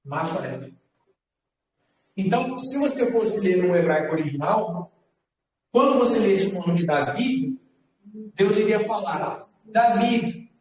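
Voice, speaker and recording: A man teaching Hebrew letters to a class. He talks patiently and repeats words slowly for his students. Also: sits high, expressive, a little mellow. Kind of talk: classroom lesson. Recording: echoey classroom from far off.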